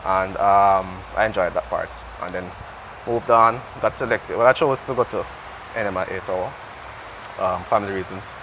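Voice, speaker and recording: A Jamaican man who works as an air traffic controller speaks as an interview guest, his low-pitched voice moving at normal speed over a noisy background. His talk is casual and conversational, and he often restarts his sentences.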